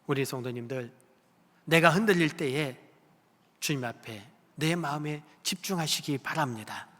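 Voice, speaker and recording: A man's voice: on the high side, normal speed, bright, forceful tone. A male pastor preaching a sermon with emphasis, putting questions to the congregation. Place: church sanctuary. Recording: long church hall reverb.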